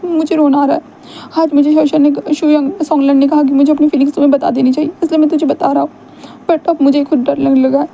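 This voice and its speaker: A nervous young man stammers and pleads in a high, dark, mellow voice, as a woman reading a story puts him on. his words come half-whispered and hesitant. faint noise sits under the voice. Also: little pitch movement, quick pace, gravelly. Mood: pleading. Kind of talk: casual retold story.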